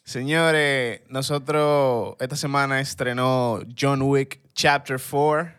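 A smooth, resonant male voice with a Dominican accent and a medium pitch. He hosts a casual movie podcast, speaking colloquially and mixing in slang and English words. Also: fairly even intonation, slow pace, fairly bright tone. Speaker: podcast host. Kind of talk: casual film podcast chat.

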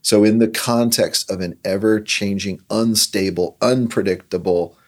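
A man's voice: on the low side, steady tone, a little slow. A man explaining a hymn line by line in an earnest, reflective podcast conversation.

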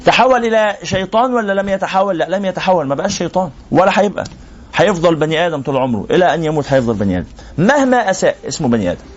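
An Egyptian sheikh speaks rapid-fire in a high, expressive voice, teaching a religious lesson to a live class. Using Egyptian Arabic, he bombards listeners with rhetorical questions, heard through a muffled lo-fi recording.

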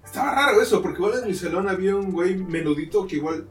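Young Mexican man on a podcast, high voice, slangy anecdotes, echoey and distant. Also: expressive, fast, faint music behind. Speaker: podcast co-host. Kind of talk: casual chat. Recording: roomy, mic at a distance.

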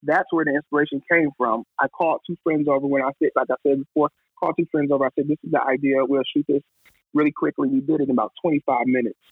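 A man telling his story over a phone-like line, his slightly high, husky voice jumping up whenever he acts out what others said. The sound is dry and narrow, with no room around it. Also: quick pace, dry recording. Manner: animated, acts out quoted dialogue. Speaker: photographer, guest. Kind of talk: casual storytelling.

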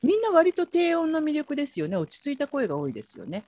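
A woman in her forties co-hosting a casual chat podcast, playful and quick to laugh. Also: high-pitched, wildly swooping pitch, darkish tone. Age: 40s. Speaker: podcast co-host.

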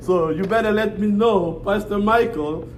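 A visiting pastor from Congo preaches and prays in English, his second language, with a Congolese accent, repeating phrases and calling for amens in call-and-response style. His voice is high-pitched at a moderate pace, recorded in a noisy live church room.

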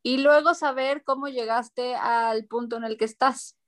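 A woman's voice: on the high side, fairly even intonation, measured pace. A woman, a podcast host asking questions in casual chat. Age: 30s.

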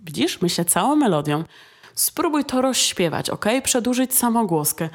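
A woman's voice: on the high side, very animated, moderate pace. Woman vocal coach, casual video lesson, chatty, checks in with the listener often. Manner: chatty, checks in with tag questions; acts out students and sings short demonstrations.

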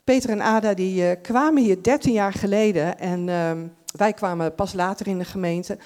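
Woman, farewell address, church service, chatty, lots of fillers, mid-range pitch. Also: normal speed. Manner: warm, chatty, many fillers and restarts.

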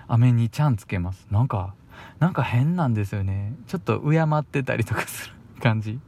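A man's voice: lowish voice, expressive, normal speed, darkish tone. A young man with a Kansai accent talks by himself on a radio show. He rambles loosely and sounds a little bashful, with small chuckles between his thoughts. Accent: Kansai Japanese. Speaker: radio host. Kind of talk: casual solo radio talk.

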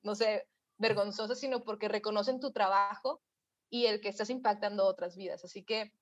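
A woman psychologist answering interview questions, telling lively stories and acting out what people said. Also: mid-range voice, a little fast. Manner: lively storyteller, acts out quotes. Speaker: psychologist guest. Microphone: video call. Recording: dull lo-fi call audio.

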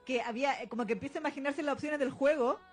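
A woman's voice: high voice, rapid-fire, soft background music. A young Chilean woman co-hosting a podcast in casual chat, slangy and laughing often, acting out lines in silly voices. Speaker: podcast co-host.

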